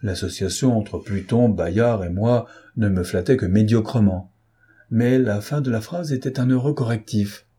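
Man narrating an audiobook, low and dark, kinda husky, calm and steady. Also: moderate pace. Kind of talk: audiobook reading of a novel.

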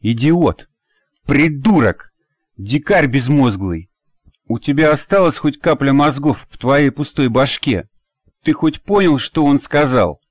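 A man voicing a fiery, quick-tempered young woman in an audiobook, speaking in a sharp, commanding way. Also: medium pitch, expressive, no room sound, studio quality, lightly acted. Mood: furious.

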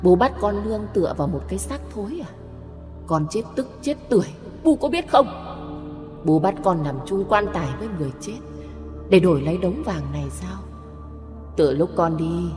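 A woman's voice: on the low side, animated, moderate pace, a little mellow, natural voice. A woman voicing a vengeful young female ghost bride who speaks bitterly and accusingly in an audio horror story. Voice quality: eerie unvoiced laughing, accusing. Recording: long hall reverb with music.

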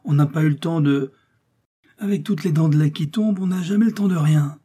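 A man's voice: fairly high pitch, dark tone, breathy edge, voice pushed up. Man doing a harried father mouse. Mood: exasperated. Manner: brisk, impatient. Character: hurried, harried father mouse, busy worker.

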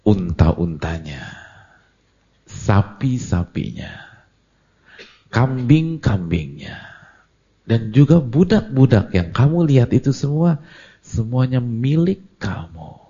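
A man preaching a lively conversational sermon, asking the audience questions and acting out what people say. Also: medium pitch, slow, long pauses, husky, muffled recording. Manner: animated, acts out quoted voices, asks the audience questions. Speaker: Islamic preacher.

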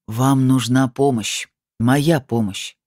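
A narrator voicing a calm, stern male medium who speaks slowly and gravely. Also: medium pitch, no room sound, studio quality, natural voice.

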